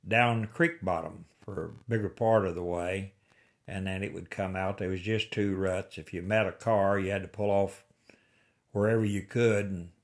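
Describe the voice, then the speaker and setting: Recorded for an oral history, a low-pitched man in his eighties recalls the past in folksy, plain-spoken stories. He's from the rural Missouri Ozarks, United States, and speaks with an Ozark Appalachian-style accent.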